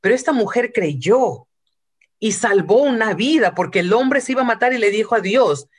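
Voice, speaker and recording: A woman's voice: fairly high pitch, lively intonation, moderate pace, breathy edge. A woman preaching a sermon from Peru, retelling a story and acting out quotes, with some English phrases.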